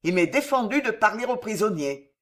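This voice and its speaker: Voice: mid-range voice, big pitch swings, moderate pace. A reader voicing a blunt male jailer who gives brusque warnings to a prisoner, in a French audiobook. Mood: stern. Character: curt, stern male jailer.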